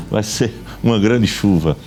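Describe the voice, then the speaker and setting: A man's voice: on the low side, slow, a little mellow. A man with a Pernambuco accent, a guest on a religious talk show who eagerly affirms the host with frequent amens. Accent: Pernambuco, Brazil. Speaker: guest, church brother.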